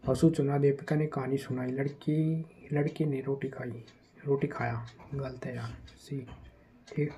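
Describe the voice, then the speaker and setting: A man teaching an exam-prep grammar lesson in a conversational way. He reads the test sentences slowly and speeds up when he warns about common traps. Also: mid-range voice, warm tone, lo-fi sound, a little hiss or hum.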